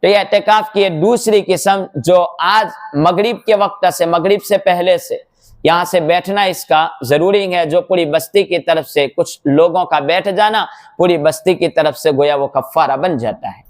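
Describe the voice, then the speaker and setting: A mufti preaches a sermon in a mosque, laying out points step by step with rhetorical questions and quoted sayings. His male voice sits high and moves at a measured pace.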